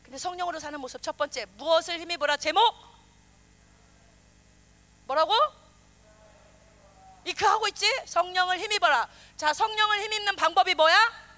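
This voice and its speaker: A woman pastor preaching a sermon, animated, questioning the congregation and acting out quoted voices. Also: extremely high pitch, moderate pace, pauses often.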